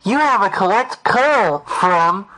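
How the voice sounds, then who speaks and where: Guy doing a payphone call operator lady, slow and singsongy, bright. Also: high-pitched, lively intonation, full character voice, rough recording. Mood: prompting. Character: automated female collect-call operator on a payphone line. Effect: payphone call operator recording. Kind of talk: comedy podcast sketch.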